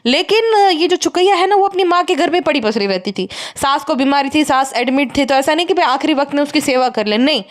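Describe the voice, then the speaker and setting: A woman with a high voice delivering scornful, sarcastic commentary in a casual roast style. She talks straight to her viewers, picking other creators apart. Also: brisk, hardly any pauses.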